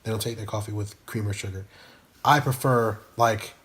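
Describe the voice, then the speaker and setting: A man's voice: fairly low pitch, steady tone, normal speed, a bit bright. A man co-hosting a casual couples vlog, rambling and joking. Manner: rambling, jokey, self-correcting. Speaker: vlog co-host. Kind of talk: casual chat.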